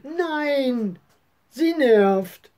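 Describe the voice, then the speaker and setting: A woman's voice: high voice, expressive, extremely slow, warm tone, pitched above the performer's own voice, exaggerated voice. A woman voicing a defiant little boy who insists he is right. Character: stubborn little boy, the younger brother.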